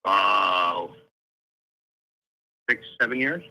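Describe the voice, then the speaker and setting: Phone-line caller, man, very bright tone, hesitant and self-correcting. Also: lowish voice, extremely slow, gravelly. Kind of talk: call-in conversation.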